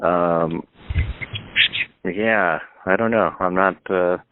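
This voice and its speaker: A low-voiced man in his fifties talks over a thin, phone-like line. He is from Northern California and chats loosely as a guest, circling back, restarting and dropping "like" as he goes. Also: fairly even intonation, extremely slow. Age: 50s. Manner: rambling, lots of "like" and restarts. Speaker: guest musician. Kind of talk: casual phone interview.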